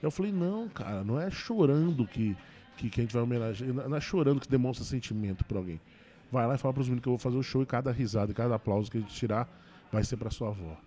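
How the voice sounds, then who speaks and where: A man, a stand-up comedian, telling a personal story in a casual interview, with quick emotional restarts. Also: mid-range voice, fairly even intonation, warm tone. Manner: fast, emotional retelling with many restarts.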